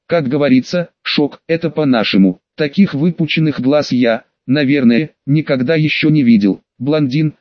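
A man reading a first-person audiobook in a measured storytelling manner. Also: on the high side, dry recording. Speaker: audiobook narrator. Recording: slightly dull dry audio.

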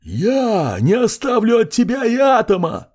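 A man's voice: very high voice, huge pitch swings, a little mellow, breathy edge, pitched above the performer's own voice, full character voice. A man screaming as a raging abyss monster woman. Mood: enraged. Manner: screaming threats, drawn-out. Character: furious female primordial abyss monster, a former witch. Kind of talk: audiobook character voice.

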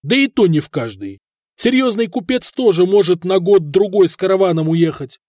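A man reading an audiobook plays a stern, cold prince who speaks firmly and grows loud and cutting. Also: fairly high pitch, expressive, moderate pace, no room sound, clean studio sound. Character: stern, cold middle-aged prince, stubborn ruler.

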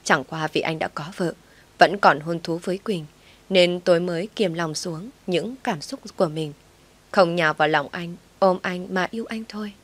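A woman reads a dramatic story in a soft, measured voice. Her pitch sits a little low, and she tells it with steady emotion. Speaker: narrator. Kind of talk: audio story narration.

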